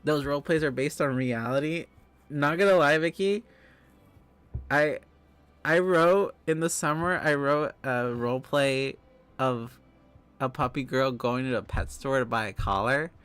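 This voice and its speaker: A man's voice: medium pitch, measured pace, a bit bright, smooth, no room sound. Giggly rambling young male streamer. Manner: giggly and rambling, laughs often, many restarts. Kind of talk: casual live-stream chat reading viewer comments.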